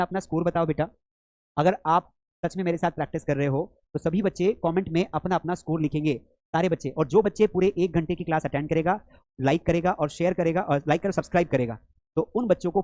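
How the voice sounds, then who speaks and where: A man's voice: on the high side, a little mellow, no room sound. A man teaching a live online spoken English class with a Hindi accent, who calls his students beta and asks questions before he answers them himself.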